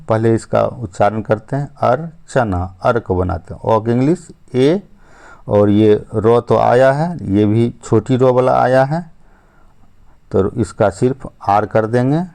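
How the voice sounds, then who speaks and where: Frequent "ठीक है" and "अब जो है" punctuate this spelling lesson, which an English teacher delivers step by step, slowly and patiently, with plenty of repetition. He has a fairly low, creaky, slightly mellow voice.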